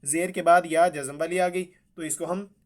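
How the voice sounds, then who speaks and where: A man teaching Quran recitation, spelling each letter and vowel mark aloud before reciting the words slowly and drawn out. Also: fairly high pitch, fairly even intonation. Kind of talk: slow spelled-out tajweed lesson.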